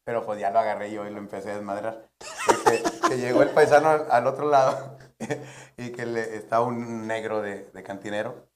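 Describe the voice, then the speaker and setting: A man with a Mexican Spanish accent hosting a casual bar chat, telling jokes with loud put-on voices and laughter. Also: lowish voice, moderate pace, very noisy. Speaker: host of a bar talk show.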